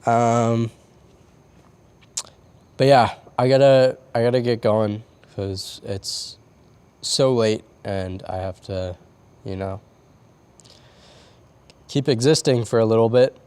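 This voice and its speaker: Halting young man venting late at night. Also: medium pitch, darkish tone, clear, resonant tone. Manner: halting, restarts often, swears casually. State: tearing up. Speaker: vlogger. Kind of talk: late-night confessional vlog. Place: on a roof outdoors.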